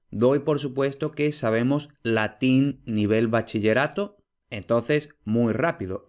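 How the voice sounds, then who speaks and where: A man giving a recorded lecture over slides, clear and patient, slowing down to spell out example words. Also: medium pitch. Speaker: Latin philology lecturer.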